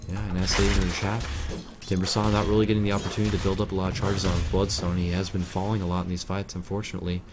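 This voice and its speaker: A man's voice: deep voice, level tone, rapid-fire. A man giving casual, rambling live play-by-play commentary on a video game, correcting himself as he goes. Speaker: esports caster. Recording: music and game battle sounds behind. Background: game music with battle sound effects.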